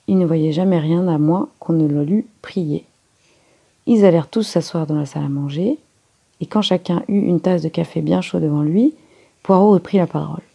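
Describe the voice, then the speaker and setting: A woman reading a detective novel aloud in a measured, even storybook narration. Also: on the low side, vocal fry, breathy edge, highs cut off. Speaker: reader.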